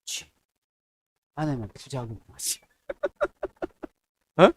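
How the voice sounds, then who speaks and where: A middle-aged man preaching a sermon as a pastor, checking in with his listeners and acting out quoted prayers in a softer, lower voice. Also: huge pitch swings, very slow, slight background noise. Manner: asks the congregation "에?" to check agreement.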